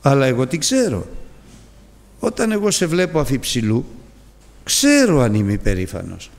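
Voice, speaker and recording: A man preaching a sermon, pressing his listeners with pleading rhetorical questions, with a gravelly voice. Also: medium pitch, sing-song, long reverb tail.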